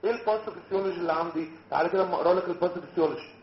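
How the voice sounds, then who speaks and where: A man's voice: high voice, rapid-fire, a little hiss or hum. A man with an Egyptian Arabic accent teaching medical students, joking and quizzing them as he mixes in English terms. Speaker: medical lecturer. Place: lecture hall. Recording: roomy, muffled lecture hall recording.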